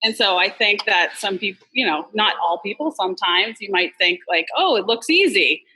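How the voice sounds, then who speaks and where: A woman's voice: mid-range voice, lively intonation, moderate pace, sharp tone, husky, low-quality recording. A woman from Massachusetts, a restaurant co-owner, talking candidly in a casual interview with lots of "like" and "you know". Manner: chatty, candid, fillers like "like" and "you know", swears.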